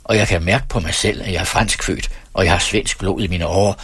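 A man voicing a drunk, boastful, hot-tempered estate steward who talks loudly and haughtily. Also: deep voice, fairly even intonation, breathy edge, no echo, full character voice. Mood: ranting. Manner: loud and haughty.

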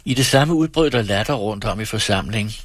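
A man narrating an audiobook in a steady, measured reading. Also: fairly low pitch, no echo, clean studio sound. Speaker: audiobook reader.

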